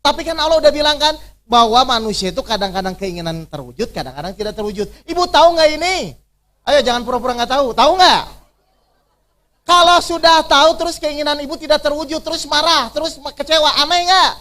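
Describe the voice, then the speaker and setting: A man's voice: very high-pitched, expressive, brisk, sharp tone. A man leading an interactive religious workshop, quizzing his audience with rhetorical questions and repeating key phrases. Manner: repeats key phrases to drive points home. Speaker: Islamic preacher.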